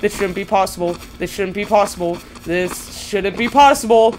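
A woman's voice: mid-range voice, normal speed, slight background noise. Jumpy young woman screaming through a horror game. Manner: jittery, bursts into frightened shrieks. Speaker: gamer. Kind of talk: horror gameplay commentary.

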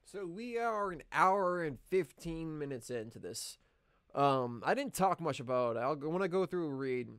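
Give me a man reading his screenplay aloud on a live stream, smooth and dry. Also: a little high, animated, normal speed, fairly bright tone, no room sound. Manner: reading stage directions aloud, self-correcting. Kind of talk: live-streamed script read-through.

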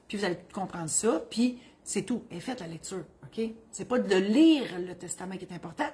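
A middle-aged woman speaks with a Quebec French accent, sitting at a mid pitch for her voice. She answers legal questions as a notary in a loose, joking manner. She wanders off into asides and then comes back to explain things in plain words. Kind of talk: humorous legal advice column.

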